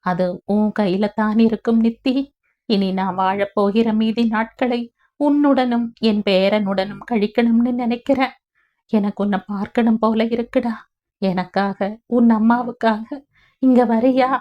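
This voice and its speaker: A woman's voice: mid-range voice, steady tone, measured pace, dull audio, lightly acted. A woman reading the part of an ailing elderly mother who pleads tearfully and breathlessly. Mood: pleading. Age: older.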